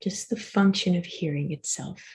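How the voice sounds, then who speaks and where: With a somewhat low voice, a woman leads a guided meditation, her calm, reassuring directions delivered softly and without hurry, with pauses throughout.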